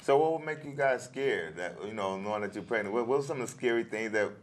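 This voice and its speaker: A man's voice: fairly low pitch, fast. An American man hosting a local talk show, interviewing guests casually with lots of fillers. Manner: relaxed, many fillers and backchannels.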